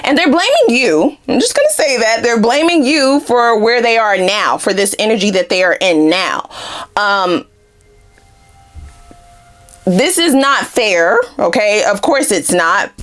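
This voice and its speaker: A woman's voice: a little high, measured pace, faint music behind. A woman giving a casual tarot reading, giggling often and swearing freely as she talks to her viewers. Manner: giggly, animated, frequent swearing. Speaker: tarot reader.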